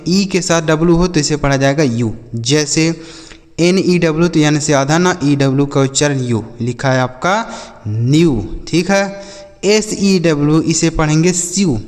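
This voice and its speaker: A man teaching an English phonics lesson. He spells words letter by letter, sounds them out slowly, and asks the class questions that he then answers himself. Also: fairly high pitch, long reverb tail.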